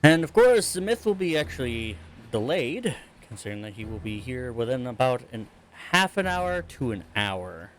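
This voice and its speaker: A man's voice: medium pitch, sing-song, moderate pace, hardly any pauses. Rambling male game master recapping. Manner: rambling, self-correcting. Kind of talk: narrating a tabletop game recap.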